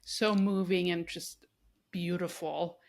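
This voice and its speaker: An Austrian-born podcast host speaks in a fairly low voice with little pitch movement and a slow pace. In a casual interview conversation she comes across as warm and effusive, full of restarts and fillers.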